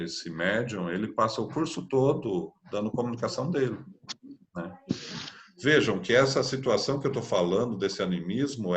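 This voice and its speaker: A man with a Brazilian Portuguese accent and fairly low pitch teaches an online spiritist course as a class lecture. He explains things patiently and frequently checks in with tag questions.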